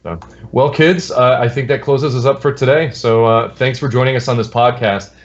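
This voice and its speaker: Here a man who develops games talks in a loose, jokey, meandering podcast conversation. The voice sits mid-range with a steady tone and normal speed, and the lo-fi audio sounds dull.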